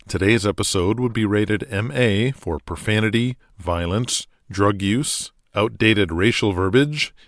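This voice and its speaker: Over a bed of guitar music, a man serves as announcer for a scripted audio drama, telling it dramatically. His voice sits on the low side, and the sound is clean studio quality with no room sound.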